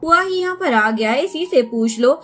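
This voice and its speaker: A bold young wife from the countryside, defiant and teasing, with a high voice, as a woman reads her lines in a drama recap. She talks back sharply. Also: lively intonation, normal speed.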